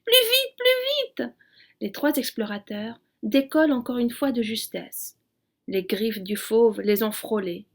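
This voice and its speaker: A woman reading a children's picture book aloud, expressive and unhurried. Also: mid-range voice. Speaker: storyteller.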